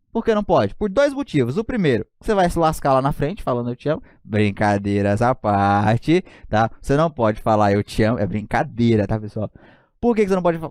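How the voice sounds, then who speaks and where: A man's voice: fairly high pitch, a little mellow, dry recording, studio quality. A man with a Brazilian Portuguese accent teaching an online grammar lesson, joking and often checking in with his students.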